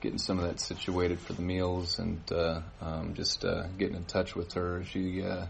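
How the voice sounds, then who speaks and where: Man, low flat voice, halting church announcements, noisy room. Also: creaky. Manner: halting, many fillers and restarts. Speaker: worship leader giving announcements. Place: church service.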